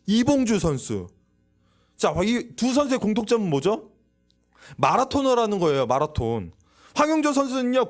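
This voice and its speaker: Man, youth pastor, high voice, swings up and down a lot, faint music behind. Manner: lively, acts out quoted voices, asks the audience questions. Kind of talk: youth sermon. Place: church sanctuary.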